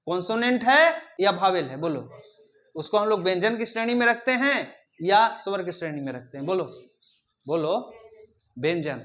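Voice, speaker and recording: A male English teacher leads a classroom grammar lesson in a high, lifted voice. He keeps firing questions at the students and repeats his prompts until they answer. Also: lively intonation, normal speed, a bit bright.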